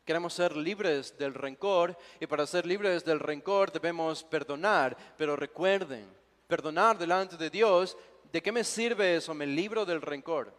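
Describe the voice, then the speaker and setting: A man preaching an expository sermon as pastor, reading scripture aloud and stressing key points by repeating them slowly. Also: a little high, a bit bright. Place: church sanctuary. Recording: long church hall reverb.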